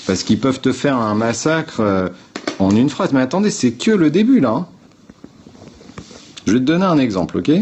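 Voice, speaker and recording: This livestream host, a man broadcasting by phone, has a medium-pitched, slightly mellow voice, and a little hiss or hum can be heard. He explains things step by step in casual talk, blunt and informal, cursing and speaking directly to his viewers.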